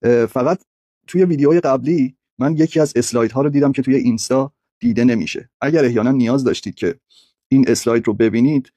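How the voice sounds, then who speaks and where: Guy teaching poetry meter over slides, warm mellow voice, bit husky, dry close sound. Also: medium pitch, no echo. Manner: methodical, breaks words into syllables slowly. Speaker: literature teacher. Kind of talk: explaining a lesson over slides.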